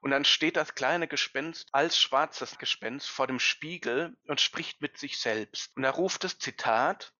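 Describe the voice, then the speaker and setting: A man's voice: fairly high pitch, unhurried, hardly any pauses, pushed and bright, no echo. A man speaking as an expert guest in a podcast discussion, earnest and lecturing, with emphatic stresses. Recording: dull lo-fi, dry.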